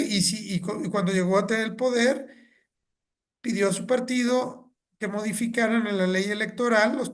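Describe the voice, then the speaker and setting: Mexican woman lecturer on a video call. Conversational, explains with homely examples, middle pitch. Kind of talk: online graduate lecture.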